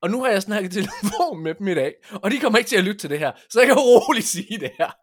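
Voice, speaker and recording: High-pitched man telling casual, sweary stories. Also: lively intonation. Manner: sweary, informal, rambling. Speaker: podcast host. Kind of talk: casual chat, anecdotal storytelling.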